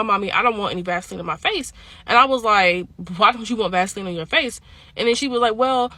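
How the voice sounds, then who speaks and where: Bright-voiced woman, earnest and emotional. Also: medium pitch. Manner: earnest and emotional, holding back tears. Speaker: mother telling a personal story. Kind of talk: casual storytelling to camera.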